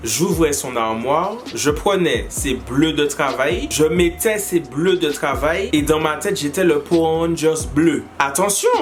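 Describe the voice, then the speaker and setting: Animated young man with a higher voice. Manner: animated, jumps into high squeaky voices for quoted people. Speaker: YouTuber reading and reacting to viewer stories. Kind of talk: comic storytelling to camera.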